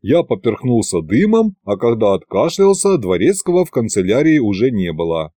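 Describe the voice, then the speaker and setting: A man narrating an audiobook in first person with a wry, lively storytelling manner. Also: mid-range voice, moderate pace, no echo. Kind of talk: scripted narration.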